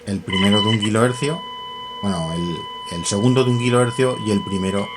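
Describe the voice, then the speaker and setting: Deep-voiced man demonstrating radio test gear. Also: a little fast, very noisy. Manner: thinks aloud, self-correcting, many fillers. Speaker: radio equipment tutorial host. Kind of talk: casual hands-on equipment demonstration.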